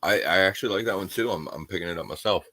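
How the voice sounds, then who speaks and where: A man's voice: low voice, rapid-fire, pushed and bright, no room sound. A man co-hosting a casual comics podcast, easygoing and hesitant, with many "you know"s. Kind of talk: casual chat.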